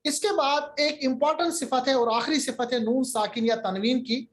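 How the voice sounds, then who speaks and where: A man teaching a Quran recitation lesson over a video call, patiently repeating terms and drawing out his recited examples slowly. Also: very high voice, steady tone. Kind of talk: online tajweed lesson.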